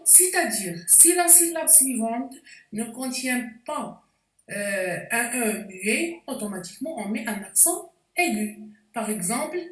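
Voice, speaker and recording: A woman's voice: medium pitch, fairly bright tone, echoey room, far from the mic, poor audio. A woman teacher giving a spelling lesson, explaining step by step with frequent hesitations. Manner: slow, deliberate explanations with hesitations.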